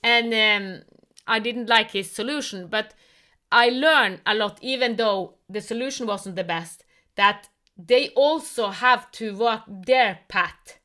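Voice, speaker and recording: A woman hosting a casual online conversation who speaks earnest, halting English full of spiritual talk. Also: fairly high pitch, sharp tone. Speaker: host. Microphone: online call.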